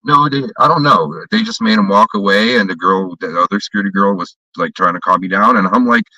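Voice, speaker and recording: A man's voice: lowish voice, a little fast, sharp tone, no echo. A man in a casual chat, telling a story in a heated, profane way, heard from a distance on a dull recording.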